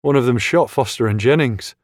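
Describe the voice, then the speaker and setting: A man's voice: mid-range voice, a little fast, darkish tone, dry recording, clean studio sound, pitched above the performer's own voice, lightly acted. A man voicing a shaken young male police officer who pleads in a panic in an audiobook. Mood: panicked.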